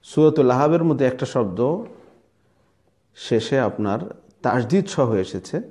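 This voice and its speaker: Slow, mellow-voiced man teaching recitation. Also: medium pitch, animated. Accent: Bangladeshi Bengali. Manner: demonstrates letters and words aloud, repeating them.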